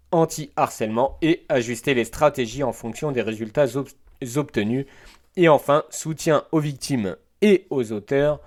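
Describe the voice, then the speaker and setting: A man talks alone on his educational podcast, reading from prepared notes. He breaks off now and then with hesitant asides and fillers. His voice sits in a middle pitch. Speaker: teacher and podcast host. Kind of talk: solo educational podcast monologue.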